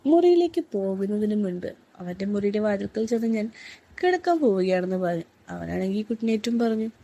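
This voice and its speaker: A woman reading a first-person story aloud in a soft, unhurried, intimate way. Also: mid-range voice, big pitch swings, gravelly.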